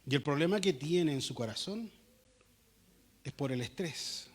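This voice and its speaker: A Chilean pastor delivers a sermon in a notably high voice. He preaches with animation, acting out little quoted exchanges between people. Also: lively intonation, measured pace, slightly rough.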